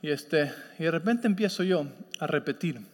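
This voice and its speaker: Man, pastor, high voice, conversational sermon, long hall reverb. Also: animated, normal speed. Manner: conversational storytelling with frequent check-ins. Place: church sanctuary.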